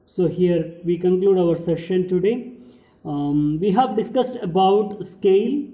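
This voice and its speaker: A young man with a high, very mellow voice gives a lecture like a schoolteacher. He explains each point and then restates it. The room adds noticeable echo. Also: unhurried. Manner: lecturing, explanatory, repeating and rephrasing key points. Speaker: geography teacher. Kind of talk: slide lecture. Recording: roomy indoor echo.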